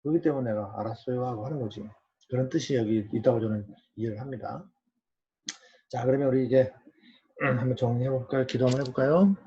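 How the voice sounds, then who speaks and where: A man's voice: mid-range voice, quick pace, warm tone. A man in his forties leading a casual Bible study discussion, asking the group questions and acting out quoted parents and children. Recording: dull lo-fi recording.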